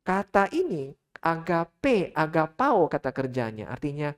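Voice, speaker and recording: A woman's voice: low-pitched, big pitch swings, measured pace. A woman preaching a church sermon who keeps turning to the congregation with questions and direct address. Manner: engages the congregation with frequent questions, addressing listeners as "Saudara".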